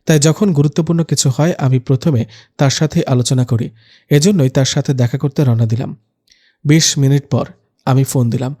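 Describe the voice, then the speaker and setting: Mellow young man narrating a story. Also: mid-range voice. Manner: gentle, storytelling, light humor. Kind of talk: first-person story narration.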